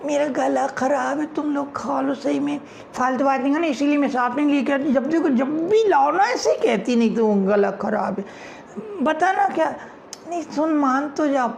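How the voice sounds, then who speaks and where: A man's voice: vocal fry, a little hiss or hum, full character voice. A male comedian mimicking chatty young women friends gossiping at a street snack stall, in a stand-up act. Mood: bickering. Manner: high-pitched, gossipy, fast back-and-forth chatter. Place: comedy stage before a live audience.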